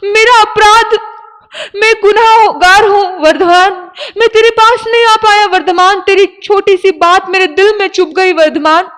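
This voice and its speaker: A woman's voice: extremely high pitch, steady tone, unhurried, fairly bright tone, pitched above the performer's own voice. A woman voicing a grieving older brother who pleads in a tearful, desperate lament. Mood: anguished. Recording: long hall reverb.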